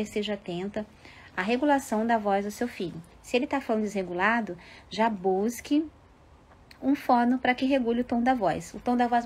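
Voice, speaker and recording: A woman giving advice to parents in an unhurried, explanatory monologue, often adding little tag questions. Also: medium pitch.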